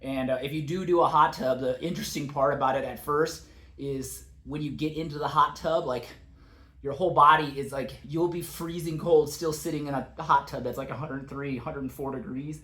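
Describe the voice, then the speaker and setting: Rambling guy doing a laid-back how-to vlog, filler-heavy, voice a bit high, echoey outdoor sound. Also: steady tone, normal speed, bright, forceful tone. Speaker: vlogger demonstrating a home cold plunge. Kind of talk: casual how-to talk. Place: outdoors or patio beside a cold plunge tub.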